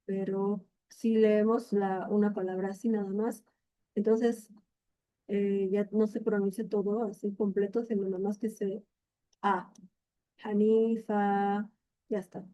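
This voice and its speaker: A woman from Latin America walks through Arabic words one at a time as a patient teacher. Her voice is dark and mellow, and she speaks slowly. She thinks aloud with fillers and often checks in with her listeners. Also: medium pitch, flat delivery. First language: Spanish. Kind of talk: explaining Arabic vocabulary in a lesson.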